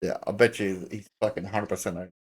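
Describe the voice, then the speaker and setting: A man's voice: deep voice, steady tone, fairly quick, husky. A man leading a casual sports discussion as podcast host, with matey, sweary banter.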